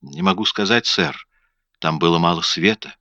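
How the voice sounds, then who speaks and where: A man's voice: low voice, normal speed, sharp tone, no room sound, muffled recording. A man reading an audiobook, voicing a timid, hesitant little husband who answers carefully. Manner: hesitant, apologetic.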